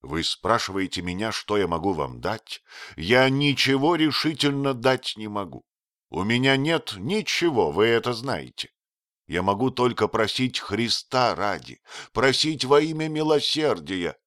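A man's voice: on the low side, very animated, measured pace, a bit bright, no echo, clean studio sound, voice pushed up. Man playing an ardent, imploring young prince. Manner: impassioned, imploring.

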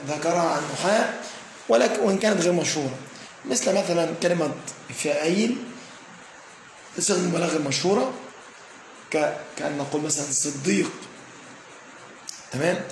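Male grammar teacher, high gravelly voice, echoey room with faint hum, "aah" fillers. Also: lively intonation. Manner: frequent "aah" fillers and checking "tamam?"; slowly stresses word patterns, listing examples. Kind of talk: explanatory grammar lesson.

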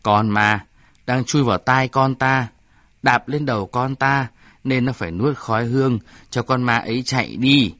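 A man's voice: mid-range voice, moderate pace, fairly bright tone, no room sound, clean studio sound, lightly acted. A man voicing a superstitious old male village shaman who talks stubbornly and evasively.

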